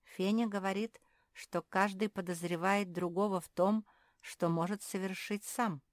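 A woman's voice: mid-range voice, steady tone, a little slow, dry recording, clean studio sound, pitched above the performer's own voice, close to an everyday voice. A woman voicing a brave, bossy young female pet animal in a storybook, giving orders eagerly. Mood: bold. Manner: commanding, eager.

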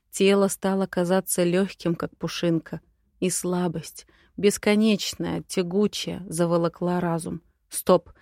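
A woman's voice: lowish voice, dry recording, clean studio sound. Young woman narrating a fantasy audiobook. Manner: expressive, inner-monologue reading.

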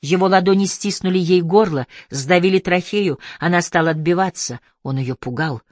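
A woman narrating a literary audiobook in a measured, expressive way. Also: lowish voice, no room sound, studio quality.

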